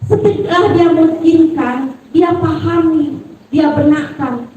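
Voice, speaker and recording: High-voiced woman in an echoey hall. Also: slow, muffled recording, slight background noise. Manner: lively storytelling, swings up high when excited. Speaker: parenting speaker. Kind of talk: religious parenting talk to mothers. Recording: echoey hall, distant from the mic.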